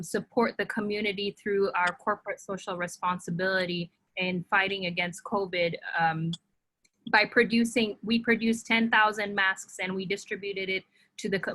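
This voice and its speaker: A woman from Tanzania, an entrepreneur speaking as a guest in a webinar conversation, upbeat and filling pauses with ums. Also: mid-range voice, bright, forceful tone, no room sound, low-quality recording. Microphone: video call.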